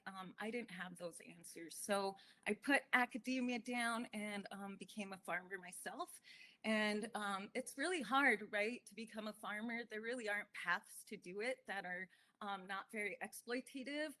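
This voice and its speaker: A woman's voice: a little high, bright, forceful tone. A woman farmer giving a conversational online talk, earnest, with frequent ums. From United States and Ethiopia. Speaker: farmer and speaker. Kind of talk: online summit talk with slides.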